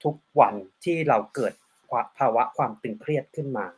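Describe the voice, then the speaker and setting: A man's voice: mid-range voice, moderate pace, breathy edge. A man hosting an interview, switching between languages and politely summarizing and translating his guest's answers.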